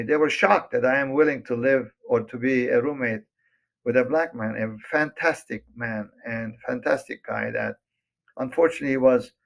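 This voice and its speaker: Casting: older Lebanese-raised man, gravelly, hesitant storyteller, interview guest. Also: mid-range voice. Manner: hesitant, with many restarts. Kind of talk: reflective storytelling.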